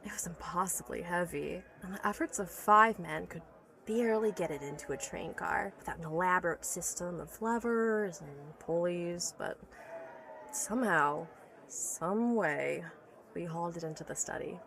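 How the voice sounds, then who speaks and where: In an audio drama, a woman plays an obsessive, learned inventor who earnestly and articulately recounts her life's work, stammering when awed by her subject. Her voice is fairly low, gravelly and a bit bright, at a moderate pace, and her mood is nostalgic and enraptured.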